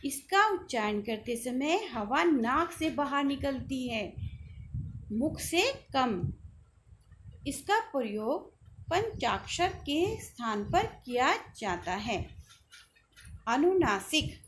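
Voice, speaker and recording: A woman's voice: sits high, animated, slow, fairly bright tone, slight background noise. A woman teaching a school grammar lesson, explaining patiently, asking questions and answering them herself.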